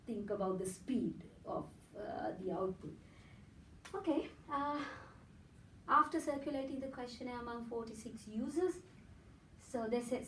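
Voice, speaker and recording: This woman from Sri Lanka, whose first language is Sinhala, speaks with a Sri Lankan accent at a fairly high pitch while presenting at an academic conference. She lays out points step by step, often adding "right?", and the audio comes from far off in an echoey hotel conference room with a little hiss or hum.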